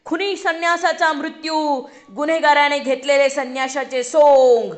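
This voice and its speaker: A woman voicing the news itself as a bold, attention-hungry female spirit who shouts out headlines. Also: high voice, fairly even intonation, moderate pace, pitched above the performer's own voice, lightly acted. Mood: proclaiming. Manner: proclaiming headlines loudly.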